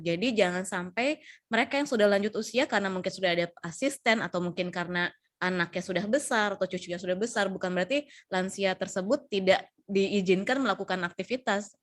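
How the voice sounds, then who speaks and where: Woman explaining elder care, filler-laced. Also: medium pitch. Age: young adult. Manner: explanatory, many fillers and restarts, acts out quoted lines. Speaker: health educator.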